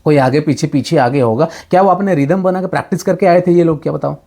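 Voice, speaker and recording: A man's voice: fairly high pitch, fast talker, mellow. A native Odia-speaking man giving an argumentative Bible talk, emphatic, asking rhetorical questions and mixing in English phrases. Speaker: Bible teacher.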